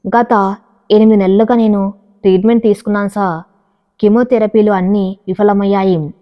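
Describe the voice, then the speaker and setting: A woman's voice: medium pitch, fairly even intonation, moderate pace, natural voice. A woman voicing a young husband facing terminal illness, speaking in a pleading, broken way, in a storybook reading. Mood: anguished. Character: young husband, dying, anguished and tearful. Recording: dull, reverberant recording.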